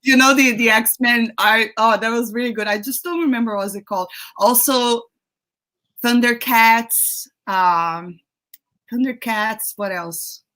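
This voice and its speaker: A young woman from Brazil talks casually as an interview guest. Her voice is bright and clear. She chats easily, laughs often and restarts her sentences. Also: on the high side, measured pace. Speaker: guest, YouTube creator.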